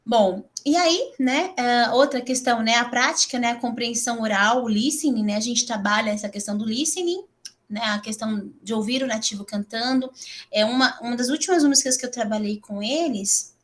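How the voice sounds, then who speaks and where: Brazilian woman teacher, middle-aged, fairly high voice, chatty and animated, leans on "né" between phrases. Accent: Brazilian Portuguese. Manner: chatty, fills with frequent "né"; animated, laughs and jumps up in pitch. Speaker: English teacher presenting to fellow teachers. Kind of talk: teacher training talk.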